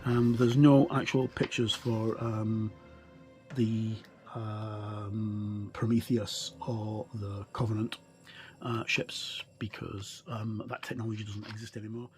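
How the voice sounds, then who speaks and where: Soft music plays behind a middle-aged man whose voice is fairly low, darkish and nearly flat in pitch. Working as a game reviewer, he comments casually on a book, hesitating often and correcting himself along the way.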